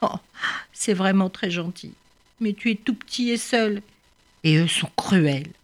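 A woman voicing a bullied young female ostrich who talks in a high, fearful, pleading way. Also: measured pace, close to an everyday voice. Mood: frightened.

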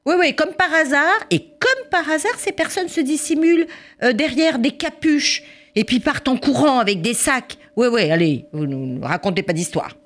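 A woman's voice: high-pitched, expressive, moderate pace, pitched above the performer's own voice. A woman voicing a stern, suspicious male police officer who speaks insistently and accuses. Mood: accusing.

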